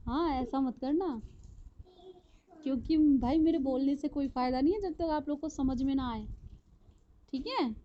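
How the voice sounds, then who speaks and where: A woman leads a live online lesson in a high, bright voice. She talks in a chatty, repetitive way and keeps checking whether her students are following. The stream audio sounds dull and lo-fi. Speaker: teacher. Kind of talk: live online class lecture.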